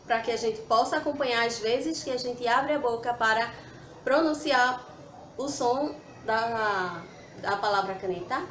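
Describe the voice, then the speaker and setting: A woman's voice: fairly high pitch, measured pace, fairly bright tone, a little hiss or hum. A woman teacher giving a children's lesson, patient, sounding words out syllable by syllable. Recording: echoey room with faint ambience.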